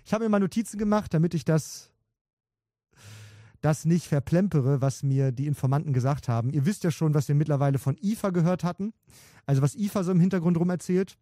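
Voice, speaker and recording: A man's voice: on the high side, a little fast, mellow, no echo, studio quality. A man co-hosting a commentary video, sharing insider gossip in a hesitant, casual way with many fillers. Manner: hesitant, filler-heavy, chuckling. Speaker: co-host sharing insider info.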